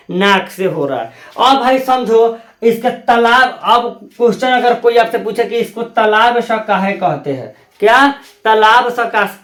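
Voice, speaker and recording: Echoey high-voiced grammar teacher. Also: male voice, fairly bright tone. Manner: repeats key terms, quizzes the listener with questions. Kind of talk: classroom grammar lesson. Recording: echoey room.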